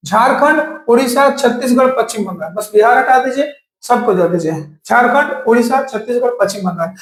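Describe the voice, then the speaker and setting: A male coaching teacher giving a mnemonic exam lesson, slowly repeating and drilling lists. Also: very high-pitched. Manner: repetitive drilling of lists, slow emphatic recaps. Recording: echoey room.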